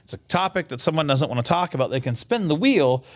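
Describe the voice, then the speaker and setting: A man's voice: a little high, lively intonation, quick pace. A man hosting a casual podcast chat, curious and playful, asking plenty of questions. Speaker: podcast host.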